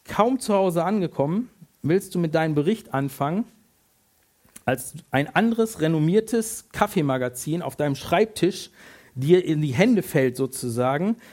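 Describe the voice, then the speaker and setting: High-voiced man telling a lively sermon story. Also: a little slow. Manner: lively storytelling, animated, addresses listener as du. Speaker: preacher. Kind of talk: sermon with vivid second-person story.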